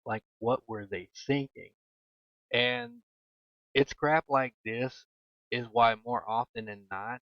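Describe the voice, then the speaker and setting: A man's voice: on the low side, no echo, highs cut off. A man giving casual gameplay commentary as a gaming YouTuber, ranting in an exasperated tone and repeating his points for emphasis.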